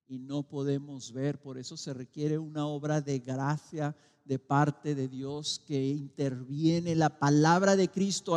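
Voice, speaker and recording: High-voiced Mexican pastor preaching in a ringing church. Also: male voice. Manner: dramatic preaching, swinging from loud calls to quiet, slow stresses. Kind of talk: sermon. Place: church sanctuary. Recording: long reverb of a church hall.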